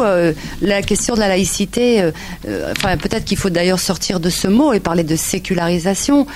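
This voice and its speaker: A woman in the audience at a public debate makes a long, earnest comment. She hesitates often and fills her pauses. A faint hum of the room sits behind her voice. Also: medium pitch, darkish tone. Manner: earnest, hesitant, with many fillers. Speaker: audience member asking a question.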